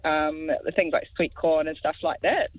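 A woman's voice: deep voice, steady tone, moderate pace. A muffled phone line brings a woman onto the radio. She talks casually as a caller, and the sound has no room echo. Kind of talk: casual chat.

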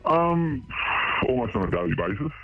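An anonymous male caller, his voice disguised and pitched down low, giving brief, hesitant answers. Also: big pitch swings, normal speed, phone-quality sound, over loud music. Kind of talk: casual phone-in chat.

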